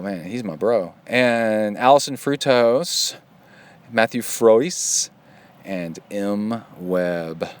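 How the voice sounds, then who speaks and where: This middle-aged podcast host, who also coaches triathletes, chats loosely from a park and drops in the occasional joke. His voice sits on the low side and has a clean tone, suited to a casual, meandering monologue.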